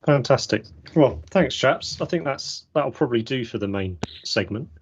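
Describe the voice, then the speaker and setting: A man hosting a casual hobby podcast, relaxed and chatty. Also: mid-range voice, moderate pace, slightly rough. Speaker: podcast host. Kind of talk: casual chat. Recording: dull lo-fi audio.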